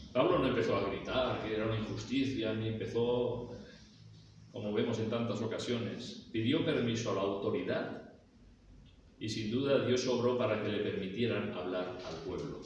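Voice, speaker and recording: A man preaching a sermon in a church, reading scripture aloud and explaining it with rhetorical questions. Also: lowish voice. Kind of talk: expository sermon. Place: church hall. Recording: echoey hall, mic far off, faint background noise.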